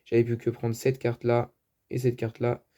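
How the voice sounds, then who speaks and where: A man's voice: medium pitch, completely flat delivery, brisk, mellow. A man with a French accent presenting his card collection in a casual, hesitant chat full of fillers. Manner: chatty, hesitant, many fillers. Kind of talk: casual show-and-tell.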